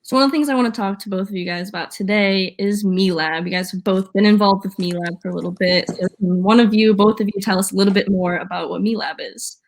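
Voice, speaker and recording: A woman's voice: medium pitch, steady tone, quick pace, hardly any pauses. A young woman in her twenties hosting an interview, friendly and affirming as she steers with questions. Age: 20s. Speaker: student host.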